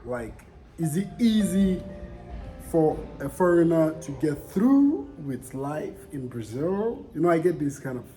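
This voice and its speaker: In personal vlog narration, a vlogger with a Ghanaian accent reflects conversationally to viewers, repeating points for emphasis. The voice is mid-range, sing-song, and dark in tone at a measured pace. The audio is poor, with music behind.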